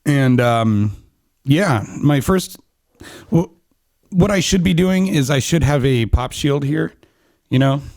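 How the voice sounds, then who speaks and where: Relaxed and chatty, a thirty-something podcast gear reviewer talks through microphones from his small home studio, umming and restarting a lot. His slightly high voice is slow with frequent pauses, recorded without echo on a close studio condenser mounted on a boom arm, no pop shield.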